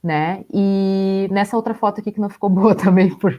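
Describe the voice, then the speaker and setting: A woman's voice: mid-range voice, fairly even intonation, normal speed, highs cut off. A young woman co-hosting a live stream, chatting casually and laughing lightly while she walks through photos. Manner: chatty, with many fillers and small laughs. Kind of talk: casual chat showing photos.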